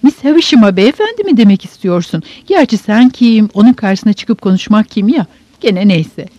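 A woman voicing a sharp-tongued, bossy older sister who scolds and nags sarcastically, in a dull, dry audiobook recording. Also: mid-range voice, animated, normal speed, no room sound, close to an everyday voice. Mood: scolding.

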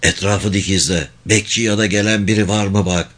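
A man's voice: fairly low pitch, steady tone, a little fast, fairly bright tone. A man voicing an irritable cursing woman. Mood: urgent. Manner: snappish, impatient. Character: irritable woman in her thirties, curses.

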